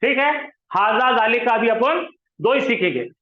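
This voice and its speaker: A man's voice: extremely high pitch, animated, moderate pace. A male teacher, leading a classroom lesson and coaxing students to repeat words aloud. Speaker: Arabic grammar teacher. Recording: roomy, dull lo-fi sound.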